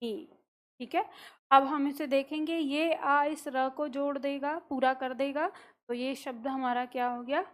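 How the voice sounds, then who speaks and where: A woman's voice: high-pitched, steady tone, measured pace. A woman teacher giving a classroom grammar lesson, patiently asking questions and answering them herself.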